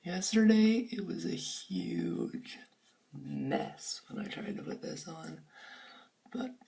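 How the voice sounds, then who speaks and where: A woman with a lowish, slow, creaky voice and a warm tone sounds groggy and sore-throated as she chats casually through a makeup review in her home bathroom. This beauty vlogger rambles and sometimes sinks to near-whispers, and her voice sits a bit far from the mic.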